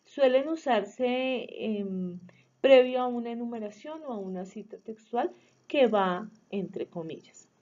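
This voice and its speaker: A woman explaining punctuation and accent rules in a measured way, with some hesitations and fillers. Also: fairly high pitch, expressive, dark tone. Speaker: student presenting a review video. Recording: dull lo-fi sound.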